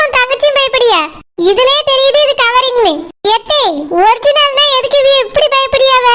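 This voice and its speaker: Squeaky high stern auntie type, woman doing it, firm scolding, loud noise behind.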